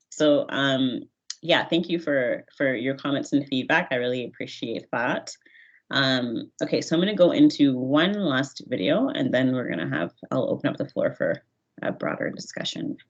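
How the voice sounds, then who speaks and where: A woman's voice: very deep voice, lively intonation, a little slow, highs cut off. A woman giving an earnest, conversational workshop talk over a video call, with many fillers and restarts. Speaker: guest speaker. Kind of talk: online workshop presentation.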